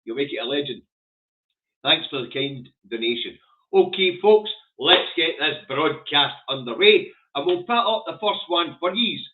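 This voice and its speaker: A man's voice: fairly high pitch, animated, normal speed, background noise. A man with a broad Lanarkshire Scottish accent hosting a casual livestream, chatting and giving blunt, colloquial, sweary commentary on the news. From Scotland. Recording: thin, phone-like narrow-band sound.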